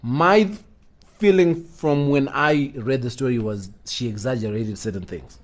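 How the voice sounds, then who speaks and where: A man's voice: mid-range voice, measured pace. A young Zimbabwean man co-hosting a podcast, chatting casually and animatedly, switching between languages. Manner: animated, code-switching banter. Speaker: podcast co-host. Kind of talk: casual chat.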